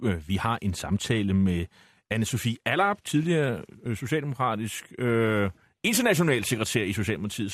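A man's voice: mid-range voice, husky, no room sound, clean studio sound. A man hosting a radio show who speaks hesitantly, with many fillers, and announces the station and guest. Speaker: radio host. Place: radio studio.

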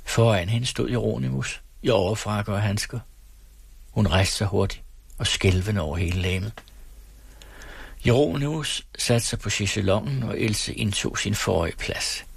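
A man narrating a novel as an audiobook in a steady, measured reading. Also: on the low side, creaky, breathy edge, no room sound.

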